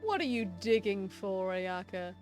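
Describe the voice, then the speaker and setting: A woman's voice: mid-range voice, expressive, unhurried, music in the background. A woman streamer giving casual, playful commentary with giggly asides while she plays a game.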